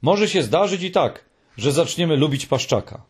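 A man voicing a calm, wry female creature with a dry, knowing tone, in an audiobook reading. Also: a little high, normal speed, husky, pitched above the performer's own voice.

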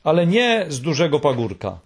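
Small reluctant moomin, plaintive and glum, slightly husky and higher, as a man reads him. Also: sing-song, normal speed, exaggerated voice. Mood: gloomy. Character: small timid moomin creature, reluctant and gloomy. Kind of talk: storybook reading.

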